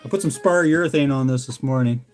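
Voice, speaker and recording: Over soft background music, a lure-making hobbyist from Canada chats casually with viewers on his livestream. He talks fast in a mid-range, slightly mellow voice, rambling along in a laid-back, folksy manner.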